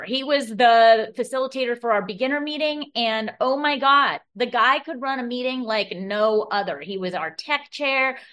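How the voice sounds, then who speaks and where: A woman's voice: a little high, fairly bright tone. A middle-aged woman sharing her story at a recovery meeting in a room full of people. She talks conversationally, restarts often and keeps checking in with the room. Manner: conversational storytelling, rhetorical tags, many restarts. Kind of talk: personal share at a meeting.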